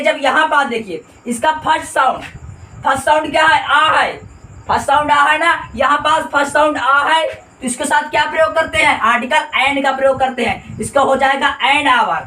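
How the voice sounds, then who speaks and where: Echoey, distant bright-voiced male teacher. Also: extremely high pitch. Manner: repetitive, quizzes listeners with questions. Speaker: English grammar teacher. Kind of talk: classroom explanation. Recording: echoey room, distant mic.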